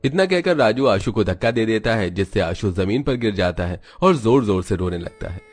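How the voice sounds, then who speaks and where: A man narrating an animated moral story in a scripted, even storytelling way. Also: on the low side, normal speed, faint music behind.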